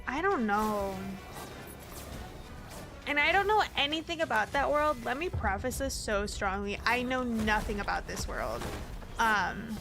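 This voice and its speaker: A woman's voice: on the high side, expressive, unhurried, creaky. A woman from the Midwest, chatting in a rambling, filler-heavy way while she streams a game and laughs often. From American Midwest. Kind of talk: casual gaming stream chat. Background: game music.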